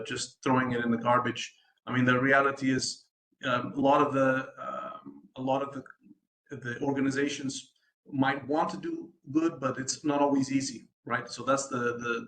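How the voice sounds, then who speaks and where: Presenting at an online event, a sustainability design consultant from the United States stumbles through many ums and restarts, often tacking on "right?". The audio is rough and echoey, and his medium-pitched voice sounds a bit bright.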